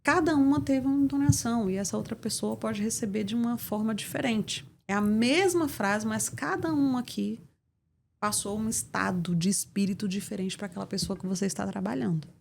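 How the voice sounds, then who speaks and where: A woman's voice: medium pitch, a little fast, vocal fry, darkish tone, a little hiss or hum. A middle-aged woman from Brazil with a Brazilian Portuguese accent, an interview guest and communication mentor explaining with emphatic examples. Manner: assertive, didactic, emphatic delivery.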